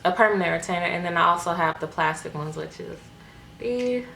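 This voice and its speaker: A woman's voice: lowish voice, brisk, vocal fry, sharp tone. A young woman talking casually to viewers in a vlog, chatty and full of "like" fillers. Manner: chatty, filler-heavy with frequent "like". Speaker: vlogger. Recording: echoey room with faint noise.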